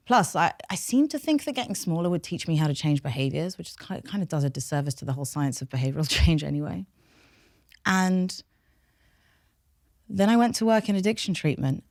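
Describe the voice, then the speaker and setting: Low and darkish in tone, her voice comes through echo-free at studio quality. She is a podcast guest from North London, a behaviour change specialist and native Farsi speaker with a London accent, opening up reflectively about herself in a personal interview.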